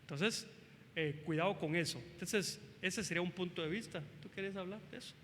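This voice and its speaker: A man preaching as pastor at a family church service, emphatic and animated, addressing the congregation with questions. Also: high voice, fairly quick, long reverb tail, a little hiss or hum.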